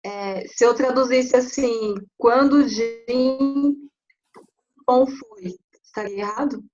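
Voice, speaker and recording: A woman's voice: fairly high pitch, slow pace, a little mellow, lo-fi sound, soft background music. A woman student with a Brazilian Portuguese accent politely asking a hesitant question in a church classroom.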